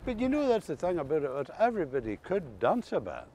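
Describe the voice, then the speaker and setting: Older Ulster Scots man, very lively pitch. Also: quick pace, a little hiss or hum. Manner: folksy, dialect-rich storytelling. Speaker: interviewee recalling old country life. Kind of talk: casual reminiscing chat.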